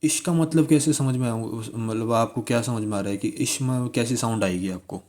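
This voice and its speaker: A man's voice: mid-range voice, normal speed, a little mellow. A man teaching shorthand strokes, repeating key words and asking listeners to pronounce along. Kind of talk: classroom-style tutorial.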